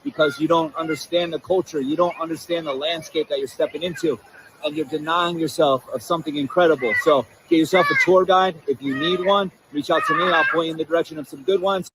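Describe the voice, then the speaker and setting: A man's voice: a little high, steady tone, a little fast, background noise. A man filming a travel vlog outdoors in the mountains, talking earnestly to camera. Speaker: travel vlogger.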